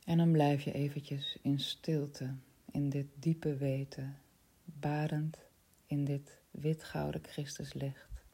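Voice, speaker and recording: Slow, soft-spoken woman guiding meditation. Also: deep voice, flat delivery, husky. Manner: soft, slow, half-whispered. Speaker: meditation guide. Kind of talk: guided meditation.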